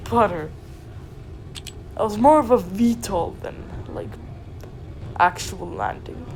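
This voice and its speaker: A woman giving casual gameplay commentary with a stuffy nose, rambling and excitable, often cutting herself off. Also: mid-range voice, takes it slowly, creaky, a little hiss or hum. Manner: rambling, excitable, self-interrupting. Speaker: gaming video creator.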